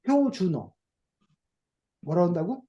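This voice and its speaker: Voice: medium pitch, very animated, slow pace, dark tone, lo-fi sound. A teacher running an online reading class for children over a video call, asking questions and playfully acting out dialect phrases.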